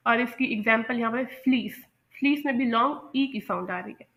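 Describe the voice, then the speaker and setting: A woman teaching English pronunciation in a patient, explanatory way, repeating each example word slowly. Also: a little high, a bit bright. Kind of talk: explanatory lesson.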